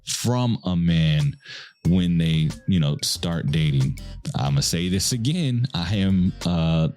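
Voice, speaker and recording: Deep-voiced man giving earnest fatherly advice. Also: animated, slow, darkish tone, faint music behind. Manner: earnest, conversational, often checks in with "right?". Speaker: podcast host. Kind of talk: casual advice talk.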